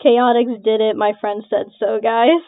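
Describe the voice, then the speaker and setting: A young woman delivers casual reaction commentary in a sarcastic, dismissive way, cursing freely. She talks slowly in a fairly high voice. The sound is tinny and dry, like a phone line. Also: vocal fry, no echo. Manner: dismissive, sarcastic, swearing, laughing between remarks. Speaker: online creator responding to accusations.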